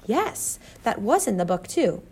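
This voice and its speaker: A woman's voice: mid-range voice, very animated, a little slow, darkish tone, breathy edge, heavily acted. A woman voicing a sardonic male rabbit who talks in slang and mocks, in a storybook reading. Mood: mocking. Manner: slangy, mocking.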